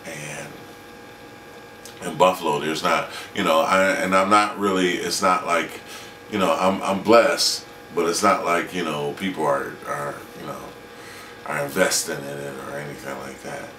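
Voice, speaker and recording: A man in his late forties talking through a personal video diary from his kitchen, halting and reflective with many restarts. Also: deep voice, fairly even intonation, sharp tone, reverberant, recorded from a distance, a little hiss or hum. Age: 40s. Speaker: independent filmmaker and vlogger.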